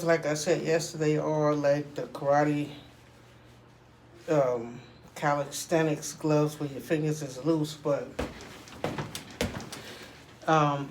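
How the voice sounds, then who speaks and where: A man's voice: on the high side, noisy background. A man chatting casually to camera while working out on a punching bag, rambling and often checking that the listener follows. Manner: rambling, frequent "you know what I'm saying" tags. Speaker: video creator. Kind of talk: casual workout vlog, talking to camera.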